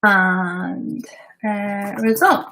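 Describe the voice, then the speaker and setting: A woman's voice: mid-range voice, steady tone, extremely slow, sharp tone. A Scottish woman who designs websites, talking casually and rambling through a live work session with many asides. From Scotland. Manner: chatty and rambling, with frequent fillers and asides. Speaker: web designer hosting a live stream.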